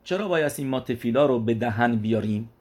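A man's voice: mid-range voice, animated, darkish tone. A man giving an explanatory religious lesson. He poses questions and answers them himself, weaves Hebrew religious terms into his speech, and often repeats and restarts phrases as he explains. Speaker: religious teacher.

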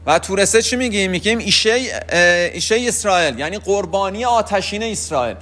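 High-pitched man; patient religious teacher who explains step by step and answers his own questions. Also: expressive, pushed and bright. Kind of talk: spoken lesson on prayer rules.

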